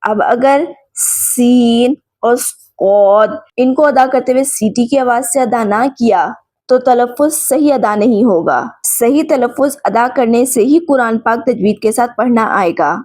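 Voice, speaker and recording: Female tajweed teacher, higher voice, slow clear drills, close dry mic. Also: darkish tone, dry recording. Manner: clear, deliberate syllable drills with patient explanation. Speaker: Quran recitation teacher.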